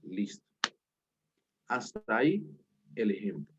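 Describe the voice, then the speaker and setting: A man with a fairly low voice teaches his class by telling a chatty example story, turning to the students now and then. He speaks on a video call with dull, lo-fi audio. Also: big pitch swings, takes it slowly, noisy background. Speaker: university teacher.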